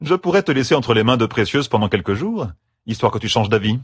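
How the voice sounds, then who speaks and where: A man's voice: medium pitch, expressive, fast talker, husky, no room sound, studio quality. A man voicing a brash, sardonic young gambler in an audiobook. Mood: wry. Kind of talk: audiobook character voice.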